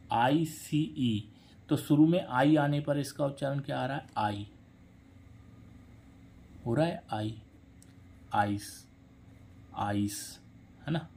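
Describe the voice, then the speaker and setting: A man teaches spelling and pronunciation in an unhurried, drawn-out way. His pitch sits in a middle range. He spells out words letter by letter, then says them again and again. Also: warm tone, a little hiss or hum. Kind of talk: spelling lesson, letters read out slowly.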